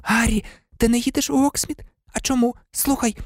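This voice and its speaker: A man's voice: very high voice, normal speed, dry recording, studio quality, pitched above the performer's own voice. A man voicing an eager, star-struck young schoolboy in an audiobook who keeps pestering an older boy. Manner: excited, pestering.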